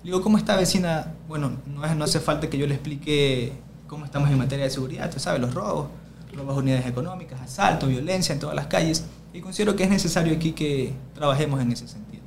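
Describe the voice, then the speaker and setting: Un joven ecuatoriano de voz algo aguda que cuenta anécdotas de barrio a toda velocidad, con un leve ruido ambiental detrás. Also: male voice, on the high side, fast, gravelly, slight background noise. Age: young adult. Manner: animated storyteller, acting out dialogue. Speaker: community leader. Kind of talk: casual podcast conversation.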